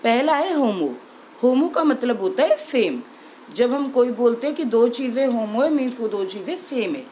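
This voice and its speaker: A young woman teacher explaining an exam-prep language lesson clearly and steadily, slowing down on key terms. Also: a little high, big pitch swings, a little mellow, slight background noise, rough recording.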